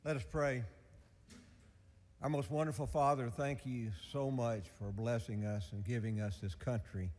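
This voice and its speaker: A man's voice: mid-range voice, fairly even intonation, moderate pace, darkish tone. A man serving as chaplain, giving an earnest opening prayer that keeps addressing Father. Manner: repetitive earnest invocation, often addressing Father. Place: legislative chamber. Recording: long reverb of a large hall.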